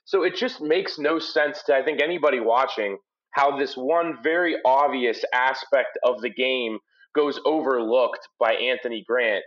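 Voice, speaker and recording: A man's voice: mid-range voice, measured pace, lo-fi sound. A man hosting a conversational sports recap podcast in emphatic, folksy phrasing, recorded through headphones used as a mic. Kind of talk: conversational post-game recap. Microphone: headphones used as microphone.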